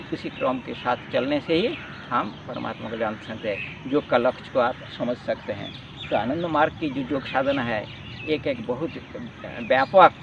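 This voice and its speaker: A man's voice: mid-range voice, creaky, far from the mic. A man teaching a spoken lesson on yoga in an earnest, explaining way, repeating key words. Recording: dull lo-fi sound with faint outdoor noise, off-mic.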